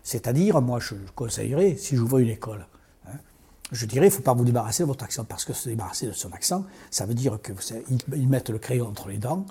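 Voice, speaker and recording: A man from southern France talks in an interview, his tone dark and mellow. His voice is deeply husky. He speaks reflectively and with animation, often breaking off and restarting his sentences. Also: expressive, fast. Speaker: interview guest. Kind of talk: conversational interview.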